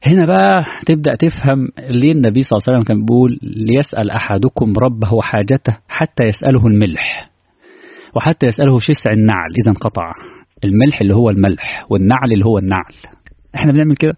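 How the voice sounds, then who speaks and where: A man's voice: mid-range voice, expressive, very fast, husky, no echo, dull audio. A male preacher with an Egyptian Arabic accent gives a conversational sermon. He talks earnestly and keeps asking his listeners rhetorical questions.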